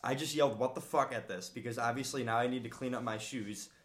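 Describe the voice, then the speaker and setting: A man on a casual podcast, reading a listener's post aloud in a steady, matter-of-fact way. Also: mid-range voice, fast, slight background noise.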